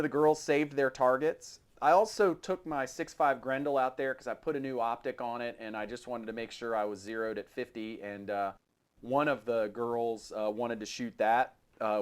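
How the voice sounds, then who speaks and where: In a smooth, mid-range voice, a middle-aged American podcast host chats casually about firearms. He keeps things loose and talkative, with a wry, joking streak.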